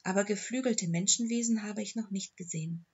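A woman reading the voice of a calm, loyal old female dog in an audiobook, speaking in a soothing, matter-of-fact way with a slightly husky tone. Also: medium pitch, brisk, highs cut off. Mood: gentle.

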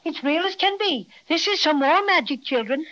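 A woman's voice: high voice, animated, normal speed, a bit bright, muffled recording. A woman voicing a small, brave, boastful male stuffed cinnamon bear in a 1930s radio play, with a cheery, folksy way of talking. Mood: eager. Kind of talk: 1930s radio drama acting.

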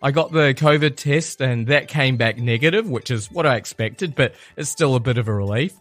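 A man with a slight cold and a croaky voice hosting a podcast, opening the episode and greeting his guest in a friendly way. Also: medium pitch, moderate pace, no room sound, soft background music. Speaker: podcast host. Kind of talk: podcast intro and interview.

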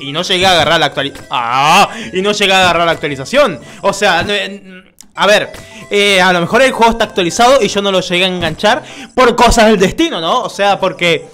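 A man commentating as he plays a video game. He gets frustrated, swears and yells at the game, and the room he records in has an echo. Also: high voice, brisk, soft background music. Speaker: YouTuber playing a video game. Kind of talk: let's-play gaming commentary.

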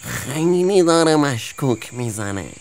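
An actor playing a cunning male fox in an animated cartoon, talking fast and cheekily in mocking banter and rhyming boasts. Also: mid-range voice, a little hiss or hum, lightly acted. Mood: cheeky.

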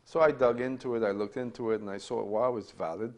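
A man's voice: mid-range voice, steady tone, fast. Man in his fifties teaching a Bible class, emphatic, repeats himself, asks rhetorical questions, recorded from a distance in a small room. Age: 50s.

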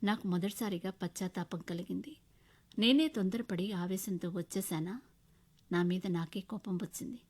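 A woman narrating a short story in the first person with emotional, expressive storytelling. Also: medium pitch, moderate pace.

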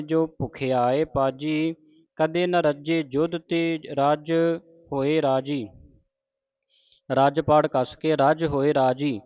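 Slow, measured male recitation teacher. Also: a little high, smooth, dry recording, dull audio. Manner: measured, chanting recitation with spoken corrections. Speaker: Gurbani pronunciation teacher. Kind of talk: slow recitation lesson with corrections.

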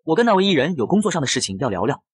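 A man's voice: on the high side, very animated, racing, breathy edge, no room sound, clean studio sound. Man voicing a scheming rich young charmer. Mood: coaxing. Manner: coaxing, pleading, softly persuasive.

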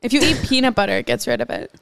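Young female podcast co-host, slightly high voice, casual comedic banter, dry studio-close sound. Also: wildly swooping pitch, racing, fairly bright tone, no echo.

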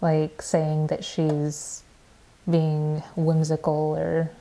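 A woman's voice: low-pitched, completely flat delivery, drawn-out words, poor audio. A young woman from Indiana reading an AI-written story aloud and commenting on it, evenly, with light laughs. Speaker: writer and video host.

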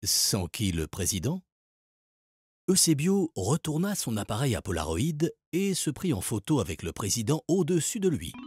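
A man narrating a children's story in an expressive, animated storytelling voice. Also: medium pitch, normal speed, slightly rough. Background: music.

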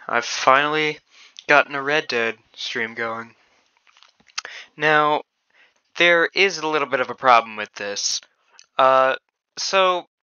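A man chats through his gameplay in a casual, meandering way, pausing on fillers and swearing offhandedly. His voice is sharp and bright with a smooth, clean tone. The recording sounds dull and lo-fi. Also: medium pitch, dry recording. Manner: rambling, hesitant, with casual swearing. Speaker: game streamer.

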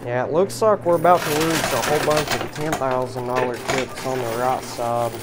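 A man's voice: mid-range voice, fairly even intonation, moderate pace, very noisy. A man giving upbeat running commentary while playing an arcade coin pusher machine as a channel host. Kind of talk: casual play-by-play commentary.

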